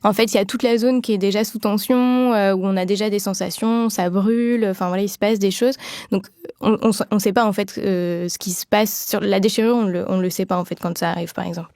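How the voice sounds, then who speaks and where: A woman's voice: mid-range voice, fairly even intonation, brisk, a little mellow, no echo. Hesitant woman midwife, dry sound. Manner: hesitant, many fillers and restarts. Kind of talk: podcast interview, explaining.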